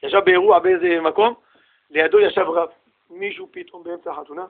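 A man giving a religious sermon in a casual slangy way, animated and acting out the people in his stories. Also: high voice, narrow, tinny audio. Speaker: religious lecturer. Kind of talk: Torah sermon told in street slang.

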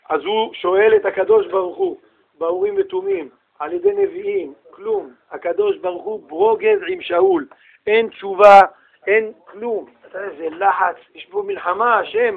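A man giving a religious sermon in a casual slangy way, animated and acting out the people in his stories. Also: high voice, vocal fry, phone-quality sound. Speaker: religious lecturer. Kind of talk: Torah sermon told in street slang.

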